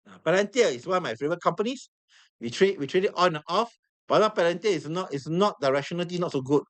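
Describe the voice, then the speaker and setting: This trading instructor's fairly bright voice sits high, and he talks fast and animatedly with a Singaporean English accent during a live class. Having lost his voice, he sounds hoarse, repeats points frequently and throws questions at the audience.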